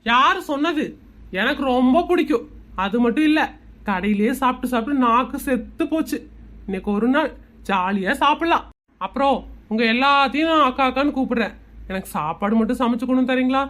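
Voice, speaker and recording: A woman's voice: sits high, expressive, fairly quick, a bit bright. A woman voicing a friendly, food-loving young man in a comic Tamil cartoon, talking in a wheedling, easygoing way.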